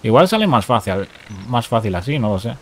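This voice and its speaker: A man's voice: medium pitch, big pitch swings, brisk. Man narrating a game glitch. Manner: talks through steps, repeats short commands. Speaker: gaming youtuber. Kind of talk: casual game tutorial commentary.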